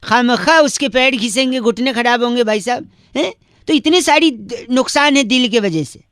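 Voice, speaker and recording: In a very high-pitched, slightly bright voice at a moderate pace, a radio host plays a cheeky, mock-polite prankster making comic prank phone calls, earnest and rambling. The sound is studio quality with no echo.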